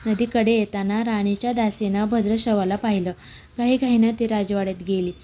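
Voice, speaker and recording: A woman's voice: steady tone, moderate pace, dark tone. Woman narrating a devotional story. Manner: reads aloud with small slips and restarts; shifts pitch for quoted characters.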